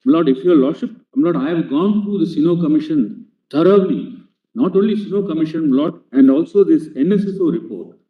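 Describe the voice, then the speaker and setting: A man's voice: on the high side, lively intonation, a little fast. A man arguing a legal case before a court, formally addressing the bench with "my lord" at nearly every phrase. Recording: tinny, echoey courtroom feed from a distant mic.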